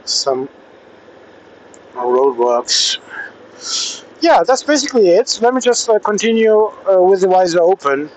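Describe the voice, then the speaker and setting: A motorcycle vlogger testing gear talks casually while riding through traffic outdoors, recorded on a low-quality helmet intercom mic that picks up faint vehicle and air noise. His voice is high-pitched and very animated, yet his speech is hesitant and broken by pauses.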